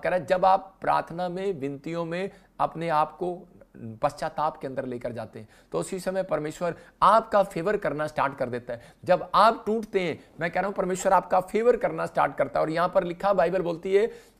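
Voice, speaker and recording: A male pastor preaching a live morning prayer sermon, repeating his refrains and swinging between loud calls and low murmurs. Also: creaky.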